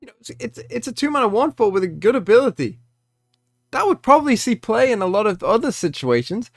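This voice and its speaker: A man delivering an unscripted commentary rant, exasperated and incredulous, moving between measured explanation and worked-up emphasis. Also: very high-pitched, very animated, vocal fry, no echo, studio quality. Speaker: video creator ranting about card game balance.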